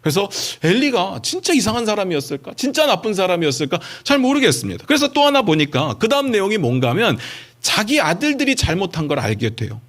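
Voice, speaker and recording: A man's voice: high-pitched, sing-song, fast, few pauses, fairly bright tone. A man preaching a sermon as pastor, talking to the congregation in a conversational way with many rhetorical questions and short acted quotes.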